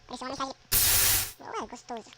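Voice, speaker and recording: Brazilian woman gamer, high lively voice, swears and yells at the game, noisy recording. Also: quick pace. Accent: Brazilian Portuguese. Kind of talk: casual gameplay commentary.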